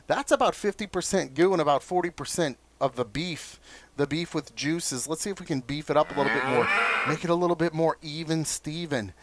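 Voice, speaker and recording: Chatty higher-voiced man reviewing food. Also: no room sound. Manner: chatty, enthusiastic, asks viewers questions. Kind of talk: casual food review vlog.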